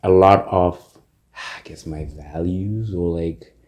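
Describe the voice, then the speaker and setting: A man from Zimbabwe co-hosting a casual podcast chat, relaxed and thoughtful, with frequent fillers. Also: low-pitched, takes it slowly. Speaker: podcast co-host.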